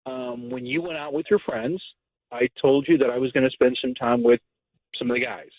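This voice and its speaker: A man's voice: medium pitch, moderate pace, no echo. A man on a phone call, talking hesitantly, with stammers and nervous laughs. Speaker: caller on a radio prank segment. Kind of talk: phone conversation. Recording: dull phone-line audio.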